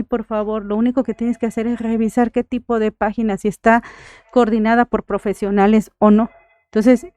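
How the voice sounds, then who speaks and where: On a radio interview, a Mexican thanatologist gives earnest advice in a warm, clean voice on the high side, with no echo. She often checks in with her listener, frequently asking "right?"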